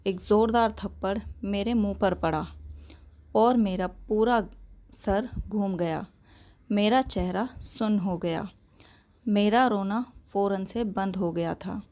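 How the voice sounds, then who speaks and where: A woman narrating a sad story in the first person, in a slow, emotional telling. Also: mid-range voice, mellow.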